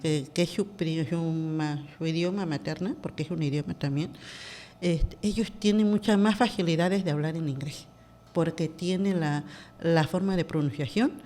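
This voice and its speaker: A woman's voice: low voice, normal speed, mellow, slight background noise. Hesitant woman guest. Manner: hesitant, many fillers and restarts. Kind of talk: casual interview talk.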